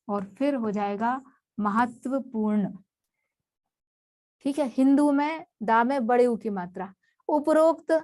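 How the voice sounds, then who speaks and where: Higher-pitched woman teaching spelling patiently. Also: darkish tone. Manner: patient, explains word by word and repeats each term. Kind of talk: spelling lesson for exam students.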